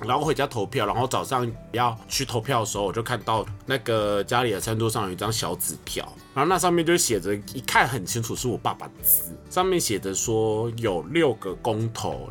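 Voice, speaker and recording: A young man with a Taiwanese Mandarin accent, co-hosting a casual chat podcast and telling stories in an animated way, acting out arguments. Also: fairly low pitch, brisk, hardly any pauses, soft background music. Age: young adult. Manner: animated storyteller, acts out quarrels loudly. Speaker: podcast co-host.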